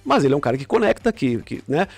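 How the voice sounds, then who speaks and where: A rapid, explanatory man, a communication coach talking as a podcast guest. His voice is dry and close with no room sound, and he keeps piling on examples and restarting his sentences. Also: on the high side, big pitch swings, dry recording, soft background music. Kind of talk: casual podcast chat.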